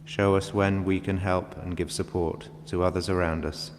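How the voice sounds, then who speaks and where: Man, low voice, very level intonation. Solemn prayer reader in a big echoing church. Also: little pitch movement. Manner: solemn, measured phrasing. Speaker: reader of intercessions. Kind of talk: liturgical prayer reading. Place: large reverberant church, indoors. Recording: long church reverb, background hum.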